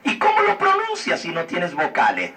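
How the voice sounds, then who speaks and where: A man's voice: high-pitched, huge pitch swings, moderate pace, pushed and bright, recorded from a distance, faint music behind. A man teaching the Bible, answering a viewer's question in an earnest, persuasive way and asking rhetorical questions. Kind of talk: explanatory religious talk.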